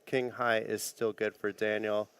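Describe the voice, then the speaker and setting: A man's voice: on the low side, flat delivery, a little slow, fairly bright tone, clean tone. A man doing easygoing live play-by-play commentary on a poker final table. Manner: easygoing play-by-play, light joking.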